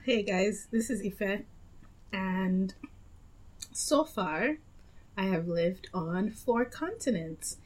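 A woman's voice: mid-range voice, animated, very slow, long pauses. A young woman from Nigeria chatting casually about places she has lived, rambling and correcting herself as she goes. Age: young adult. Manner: chatty, meandering, with frequent self-corrections. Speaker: guest. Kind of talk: casual chat.

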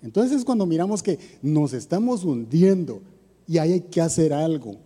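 A man's voice: fairly high pitch, expressive, moderate pace, dark tone, breathy edge, in a large hall. A man giving a conversational sermon, often putting rhetorical questions to his listeners. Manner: asks the audience rhetorical questions. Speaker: preacher.

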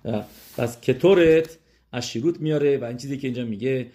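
A man teaching a religious lesson, asking the listeners questions and answering them himself, thinking aloud with hesitations and restarts, and rising sharply in pitch and volume to stress a point. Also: dark tone. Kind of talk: religious lesson on scripture and numerology.

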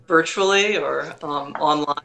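A woman's voice: sits low, a little slow, gravelly, pushed and bright, slight background noise, rough recording. A woman poet and teacher speaking as a guest, reading and talking about poetry. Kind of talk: poetry reading and interview talk.

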